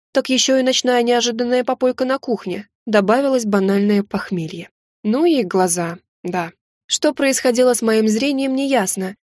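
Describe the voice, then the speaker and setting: A woman reading a first-person audiobook in an even, lightly ironic storytelling manner. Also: a little high, no echo, clean studio sound. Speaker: audiobook narrator.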